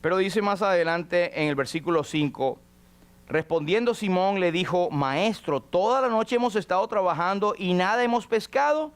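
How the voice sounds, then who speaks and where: High-voiced pastor preaching. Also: male voice, moderate pace, clear, resonant tone. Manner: animated preaching with quoted prayers and paraphrased dialogue. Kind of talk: sermon. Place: church.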